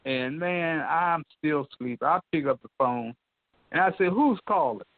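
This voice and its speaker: An older man telling an animated story in a folksy way, repeating himself and addressing the listener directly. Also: fairly high pitch, measured pace, no room sound. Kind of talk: excited storytelling. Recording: dry, tinny phone line.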